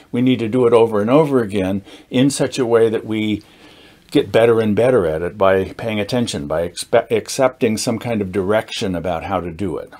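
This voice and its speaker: A man in his sixties, founder and host of a meetup group and a teacher, talks informally to camera in a small indoor studio with a dark curtain backdrop. His fairly low, darkish voice explains things in a measured, somewhat halting way, deliberately stressing key words.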